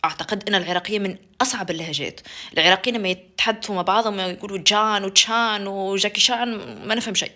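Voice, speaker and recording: A woman's voice: medium pitch, fairly even intonation, rapid-fire, bright, forceful tone. A young woman with a Tunisian accent, chatting playfully to camera and slipping in English phrases. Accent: Tunisian Arabic. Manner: playful, switches to English phrases, mimics other dialects. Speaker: vlogger. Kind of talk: casual talk to camera, ranking dialects.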